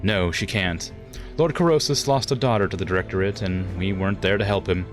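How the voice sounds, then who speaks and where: A man's voice: low-pitched, brisk, faint music behind, lightly acted. Man reading as earnest, betrayed noblewoman leader. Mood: resolute. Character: betrayed young noblewoman leader, wounded, resolute. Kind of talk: reading game dialogue aloud.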